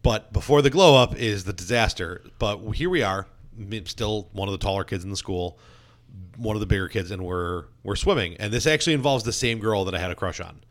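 A man's voice: lowish voice, fairly quick. A young man telling self-deprecating stories in a casual chat, with many restarts and laughs.

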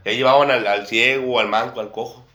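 A man's voice: medium pitch, steady tone, fast, bright, forceful tone. Guy preaching in a roomy echoey church, keeps saying brother and sister, repeats his lines. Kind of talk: sermon. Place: church room with a table and a small congregation. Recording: echoey room.

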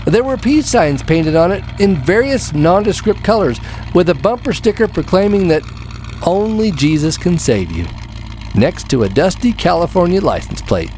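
A man's voice: high-pitched, very animated, normal speed, darkish tone, a little hiss or hum. A man reading a scripted narrative as a storyteller, with dramatic, folksy phrasing.

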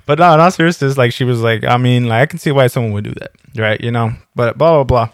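A man's voice: mid-range voice, fast, no room sound. Slangy young man, close dry sound. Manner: slangy, profane, jokey. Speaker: podcast co-host. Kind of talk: casual banter.

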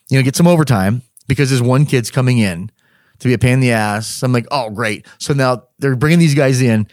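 A man's voice: medium pitch, a little mellow, no room sound, studio quality. A middle-aged man telling a personal story in casual conversation. He acts out the dialogue and laughs mid-sentence.

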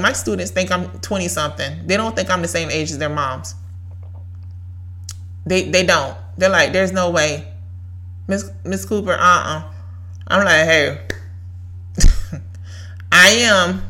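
A woman's voice: mid-range voice, bright, forceful tone. A woman, giving an emphatic, preachy faith talk as a podcast host and repeating lines for effect. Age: 30s. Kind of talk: faith-based motivational talk.

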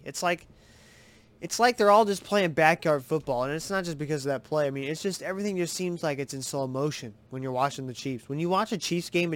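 Excitable and profane, a sports podcast host rambles through commentary while game footage plays. His voice sits on the high side.

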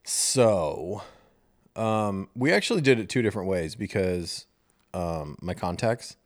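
A man's voice: sits low, lively intonation, takes it slowly, no room sound, studio quality. A man co-hosting a casual podcast, joking and self-deprecating as he explains things. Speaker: podcast co-host. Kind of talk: casual chat.

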